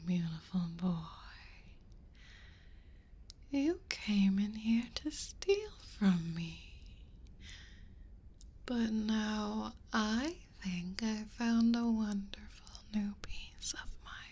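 A woman's voice: medium pitch, a little mellow. Woman whispering as a possessive female dragon. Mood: possessive teasing. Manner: slow breathy whisper, predatory and teasing. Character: hungry possessive female dragon, menacing then seductive. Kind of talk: whispered audio roleplay.

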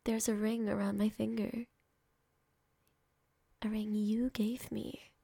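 A young woman murmurs close to the microphone in an intimate ASMR roleplay, her whisper soft and affectionate. Her voice is dark, heavy with vocal fry and breathy grain, and she takes her time. The sound is dry and close. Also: mid-range voice, level tone, takes it slowly, dry recording. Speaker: girlfriend in a roleplay.

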